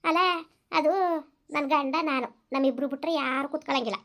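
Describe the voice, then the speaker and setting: A woman's voice: sits high, fairly even intonation, brisk, fairly bright tone. A woman voicing a bitter, taunting widowed village mother-in-law with a rural Karnataka Kannada accent, in a village family drama. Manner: taunting, complaining.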